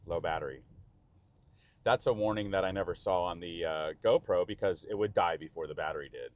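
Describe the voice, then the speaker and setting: A man's voice: sits low, brisk, no echo. A man with a Texan accent giving rambling, chatty commentary while driving a car in the rain, recorded on an action camera mounted inside. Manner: chatty, rambling, self-interrupting. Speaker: vlogger.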